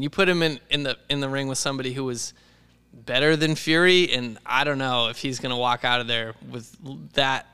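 A man's voice: fairly high pitch, pushed and bright, clean tone. A man chatting casually about sports as a podcast co-host, recorded in a reverberant room.

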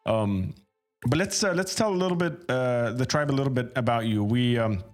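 A man's voice: medium pitch, lively intonation. Guy hosting a chill interview podcast, kinda stumbles and repeats himself, mid voice, music in there. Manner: halting, repeats words while phrasing questions. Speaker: podcast host. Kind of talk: casual chat interview.

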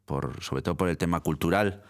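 Low-voiced man, hesitant interview guest. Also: fairly quick. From Italy. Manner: hesitant, repeats words, laughs often. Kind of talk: casual interview talk.

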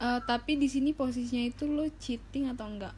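A woman's voice: a little high, fast, darkish tone, slight background noise. Young woman with slurred r sounds. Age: young adult. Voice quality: slurred r sounds, a speech impediment. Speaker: podcast host. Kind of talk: casual slangy podcast chat.

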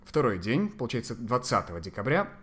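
A man giving conversational psychological advice as a podcast guest, sometimes halting to search for Russian words. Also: mid-range voice, big pitch swings, a bit bright, slightly rough.

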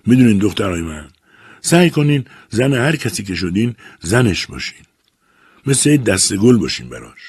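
A man's voice: fairly low pitch, sing-song, a little mellow, breathy edge, no echo, studio quality, heavily acted. A man voicing a bitter, weary abandoned husband. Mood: tender. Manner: bitter, brooding, wordplay-heavy lament.

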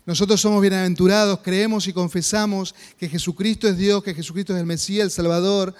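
In a church hall, an Argentine pastor with a Rioplatense Spanish accent teaches a sermon-style Bible class, earnestly checking in with the congregation. His voice sits high and steady at a fairly quick pace, leaving a long reverb tail.

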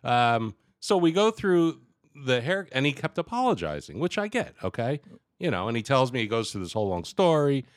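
A male podcast co-host telling a story in a lively, swooping voice, laughing through his own anecdote, dry close sound with no room echo, casual chat. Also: medium pitch, moderate pace.

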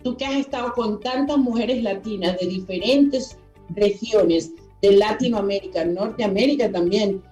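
A woman hosting a radio talk show, chatting casually with a guest, effusive and quick to laugh, with many fillers. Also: mid-range voice, dark tone, reverberant, far from the mic, soft background music, low-quality recording.

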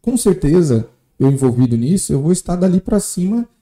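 A man's voice: fairly high pitch, big pitch swings, fairly quick, warm tone, reverberant. A man, a podcast host, chatting casually and searching for his words.

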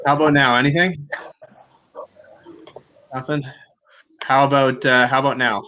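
A man's voice: medium pitch, fairly even intonation, a little slow, pushed and bright. A male interviewer heard over a bad remote connection that breaks up and sounds robotic, repeatedly checking whether he can be heard. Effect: breaking-up call audio, robotic-sounding. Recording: muffled, dropping remote call line.

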